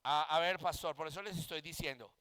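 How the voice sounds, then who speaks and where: A man's voice: fairly high pitch, brisk, bright, forceful tone, long reverb tail. A male pastor teaching a Bible exegesis class, speaking emphatically, asking rhetorical questions and saying "amen" often.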